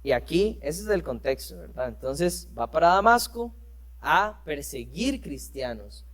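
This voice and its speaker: A man's voice: a little high, big pitch swings, a little slow. A man teaching a church lesson, reading scripture aloud and explaining it with rhetorical questions and frequent fillers. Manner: frequent fillers and self-corrections. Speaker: preacher.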